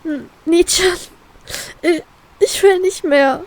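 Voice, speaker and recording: A woman voicing a frightened young woman in panic, crying and pleading in a high, tearful voice. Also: flat delivery, slow, warm tone, very echoey. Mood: panicked, tearful.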